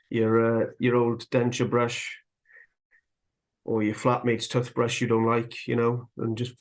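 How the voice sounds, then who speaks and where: A man teaching woodcarving live, chatting in a relaxed way as he works, a little out of breath. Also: mid-range voice. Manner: relaxed, chatty, talks while working. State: slightly out of breath. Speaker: woodcarving instructor. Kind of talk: live carving tutorial.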